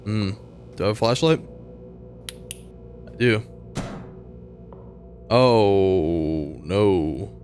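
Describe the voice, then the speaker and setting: A man's voice: fairly low pitch, expressive, very slow, long pauses, darkish tone, soft background music. A man commentating a horror game playthrough with wry, joking asides. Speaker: gaming commentator. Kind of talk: let's play commentary.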